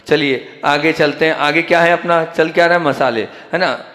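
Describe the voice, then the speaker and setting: Speaking at a normal speed, this man has a fairly high, steady, sharp-toned voice. He is a Jain monk from central India, and his sermon in a reverberant hall is conversational, with questions to the audience that he answers himself.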